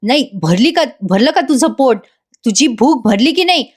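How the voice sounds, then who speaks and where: A woman's voice: high voice, animated, normal speed. A woman reading a sarcastic taunting young man. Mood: mocking. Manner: sarcastic, mocking.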